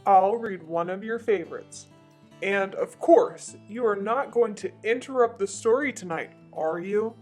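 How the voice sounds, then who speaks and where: A woman's voice: mid-range voice, measured pace, darkish tone, voice pushed down, natural voice. A patient, worn-out papa rooster from a picture book, acted by a woman, reading at bedtime in a medium register. Music plays underneath the storytelling. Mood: patient, gentle. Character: tired, patient father chicken reading at bedtime. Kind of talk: children's picture book read-aloud.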